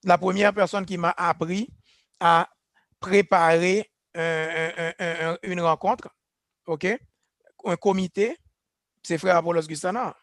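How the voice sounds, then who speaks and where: Earnest man, high voice. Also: fairly even intonation, takes it slowly, pauses often, fairly bright tone, no room sound, clean studio sound. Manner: earnest, reflective, personal testimony. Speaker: church leader. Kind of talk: speaking on leadership. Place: church gathering.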